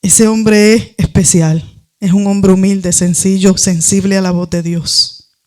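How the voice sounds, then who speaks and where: A woman's voice: mid-range voice, steady tone, measured pace, a little mellow. A woman giving a fervent, conversational testimony sermon in church, speaking straight to her listeners. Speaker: preacher.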